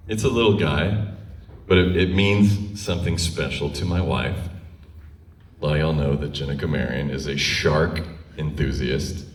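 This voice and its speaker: This very deep male voice belongs to a forty-year-old touring storyteller doing a live stage show. His comic tales are wry and self-mocking, and he often laughs while talking. The recording has a roomy, distant-mic quality and slight background noise.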